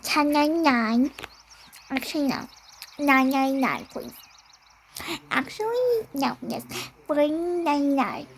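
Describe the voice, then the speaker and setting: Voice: high-pitched, lively intonation, measured pace, pauses often. A child voicing an adult woman ice cream seller, with a put-on odd accent and hesitant talk full of "like" and "um". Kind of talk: toy play-acting with a put-on voice. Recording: loud background noise.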